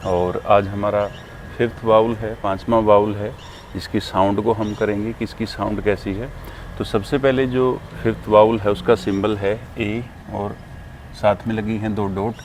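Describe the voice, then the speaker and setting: A man teaching English pronunciation in a spoken lesson, patiently repeating each drill word several times and asking whether it is clear. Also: lowish voice, a little mellow, a little hiss or hum. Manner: asks "clear?" after each point.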